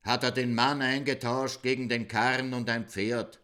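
A man's voice: mid-range voice, little pitch movement, normal speed, sharp tone. Man telling a folk tale. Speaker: storyteller. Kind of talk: read-aloud folk tale narration.

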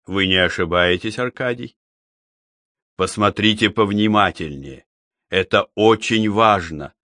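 A man voicing a calm, resolute middle-aged police investigator who speaks in a measured, deliberate way in an audiobook. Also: on the low side, no room sound, studio quality. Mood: probing.

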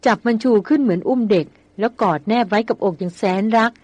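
A woman reading a novel aloud as an audiobook narrator, in a steady storytelling manner. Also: medium pitch, fast talker, breathy edge, no room sound.

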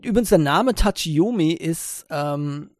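A chatty man with a slightly high voice talks into a close, dry mic. He rambles through tech-podcast topics with plenty of "äh" and "ähm" fillers. Now and then he drops in a sarcastic aside. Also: animated, unhurried, no room sound. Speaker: podcast host. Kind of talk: casual tech podcast talk.

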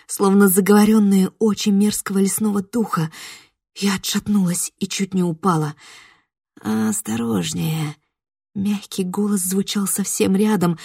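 Husky woman reading a horror story. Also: medium pitch, a little mellow, no echo, clean studio sound. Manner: tense, dramatic storytelling. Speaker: audiobook narrator. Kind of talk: scripted first-person horror narration.

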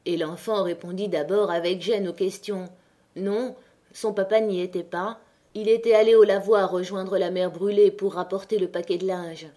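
Low-pitched woman reading an audiobook. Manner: measured, even reading. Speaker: audiobook narrator. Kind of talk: audiobook narration of a classic novel.

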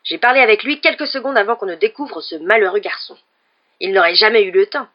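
A big blustering gamekeeper bursts out in loud, rushed protests, as a man reading a storybook puts him on. His voice rides high and hard. The sound is slightly muffled. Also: lively intonation. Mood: agitated. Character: blustering giant male gamekeeper, loud and agitated.

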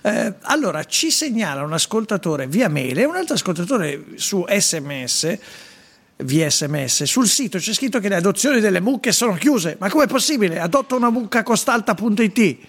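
Raspy, gravelly male radio host. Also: sits high, very animated, a little fast, fairly bright tone. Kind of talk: casual radio chat. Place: radio studio.

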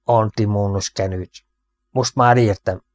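A man reading the part of a brisk, forceful middle-aged vet boss with a curt, commanding manner, in a storybook reading. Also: fairly low pitch, fairly even intonation, dry recording, lightly acted.

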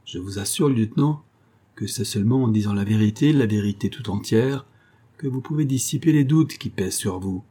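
A man reading as a calm, shrewd senior official, low-voiced. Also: fairly quick, natural voice. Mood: probing. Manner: gentle, probing.

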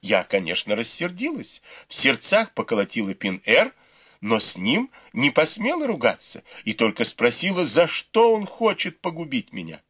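A man's voice: mid-range voice, huge pitch swings, normal speed, fairly bright tone, slightly rough, full character voice. A man voicing a desperate, tearful noblewoman who pleads and complains in an audiobook. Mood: aggrieved. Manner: pleading, wailing.

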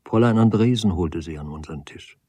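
A man reading the part of a brooding young stranger who answers quietly and in a subdued way. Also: fast talker, husky, no echo. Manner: quiet, subdued, low-key replies. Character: restless, brooding young stranger, humble and evasive.

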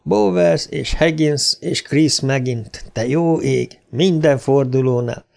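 A man narrating a novel as an audiobook in a measured, steady reading with clear diction. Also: medium pitch.

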